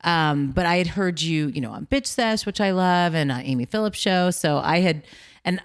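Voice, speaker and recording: A woman's voice: lowish voice, animated, normal speed, clear, resonant tone. An American woman hosting a podcast, interviewing her guest in a casual, chatty way. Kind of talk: casual chat.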